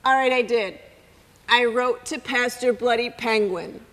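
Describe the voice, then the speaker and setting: A woman's voice: fairly high pitch, a little slow, a bit bright, big-room sound. A woman playing a tipsy grown daughter who is blunt, sardonic and cold toward her mother in a stage play. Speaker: actor.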